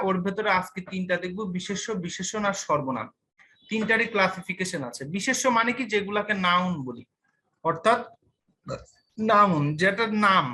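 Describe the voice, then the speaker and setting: A man's voice: high voice, bright, forceful tone, slight background noise. A young man, teaching an online class and checking understanding with repeated questions.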